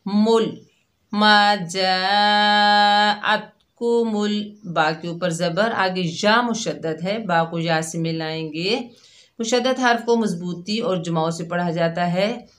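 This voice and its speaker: A woman teaching Quran recitation rules step by step, explaining each letter and then sounding out the syllables slowly. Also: on the low side. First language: Urdu. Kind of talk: slow step-by-step tajweed lesson.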